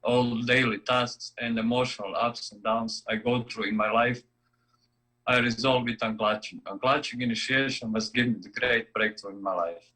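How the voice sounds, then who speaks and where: A man gives a personal testimonial, stopping now and then on hesitant fillers. His voice is bright and forceful, sitting at an ordinary pitch for a man. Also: steady tone, normal speed, low-quality recording. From Croatia. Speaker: devotee giving a testimonial.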